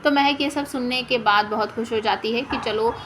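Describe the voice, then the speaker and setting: A woman narrating a plot recap in a steady storytelling manner. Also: a little high, moderate pace, slight background noise.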